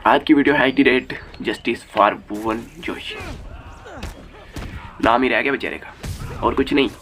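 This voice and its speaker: A man's voice: mid-range voice, unhurried, a bit bright. A young man giving a heated, crude commentary rant as a YouTube commentator, swearing freely. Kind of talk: ranting commentary.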